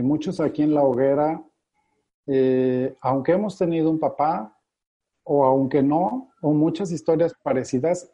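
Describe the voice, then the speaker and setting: Male podcast host, encouraging and wordy; very warm dark tone, lo-fi recording. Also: fairly high pitch. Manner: encouraging, talkative, long wind-ups to questions. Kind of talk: interviewing. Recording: dull lo-fi audio.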